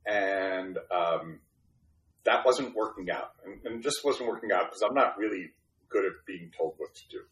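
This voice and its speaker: A Brooklyn, New York man in his fifties, whose first language was Spanish, tells his life story as a guest on a podcast in a casual, self-deprecating interview. His voice is low and fairly bright, at a normal speed, and he's chatty, with restarts and fillers. The recording quality is low.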